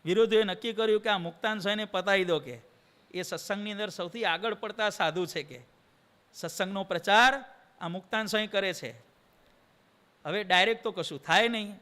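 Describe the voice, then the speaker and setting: Gujarati monk giving a story sermon, high, clear voice, lively dialogue. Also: male voice, a little fast. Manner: acts out dialogue, shifting voices between characters. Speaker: swami preacher.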